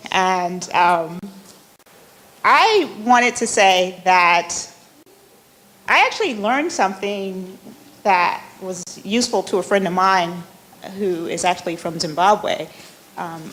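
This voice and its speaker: A woman from Jamaica, a group facilitator, giving hesitant remarks with many pauses at a community forum. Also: lowish voice.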